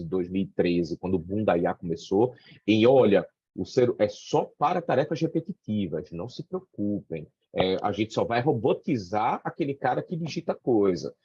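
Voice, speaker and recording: A man's voice: lowish voice, a little mellow, breathy edge, dry recording, lo-fi sound. A middle-aged man with a Brazilian Portuguese accent, speaking casually as a panelist, peppering his talk with fillers and tag questions.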